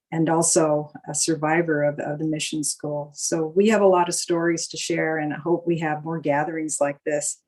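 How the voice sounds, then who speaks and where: A woman's voice: low voice, a little mellow, low-quality recording. An older woman from Alaska hosting a live online gathering, speaking casually with many fillers as she shares stories. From Juneau, Alaska. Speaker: board director and panel host. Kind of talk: casual live-stream address.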